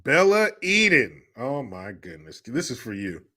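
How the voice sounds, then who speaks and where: A man's voice: medium pitch, huge pitch swings, measured pace, bright, forceful tone. A man hosting a casual live stream, bantering loosely with viewers and swearing freely. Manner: laid-back, profane banter.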